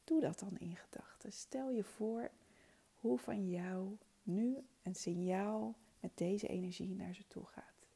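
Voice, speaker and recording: A woman guides a meditation in a soft spa whisper. Her voice is very slow and mellow, with a breathy, gentle delivery that stays soothing throughout. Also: mid-range voice.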